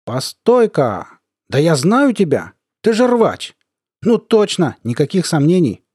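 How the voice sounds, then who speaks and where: A man voicing a mocking, sly middle-aged army colonel who talks in a squeaky, lisping, cooing baby-talk voice. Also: huge pitch swings, unhurried, darkish tone, husky, no echo, clean studio sound, heavily acted. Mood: gloating. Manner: mocking, taunting.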